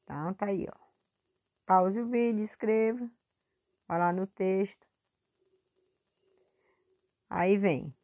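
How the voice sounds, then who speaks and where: A woman teacher recording a lesson review for her pupils, patient and clear, stretching words out to stress syllables. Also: mid-range voice, slow, long pauses, mellow.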